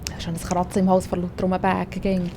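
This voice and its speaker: A woman's voice: fairly low pitch, monotone, fast talker, noisy background. A woman with a Swiss German accent commentating a video game, chatty and swearing at the character on screen. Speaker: gaming streamer. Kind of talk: let's play commentary.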